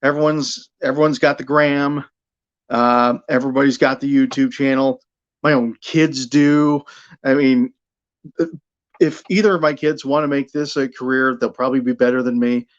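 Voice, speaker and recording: With the highs cut off, the recording captures a medium-pitched man speaking at a moderate pace with fairly even intonation. He's a middle-aged American radio sports broadcaster from Buffalo, New York, casually discussing his work as an interview guest and frequently repeating words mid-thought.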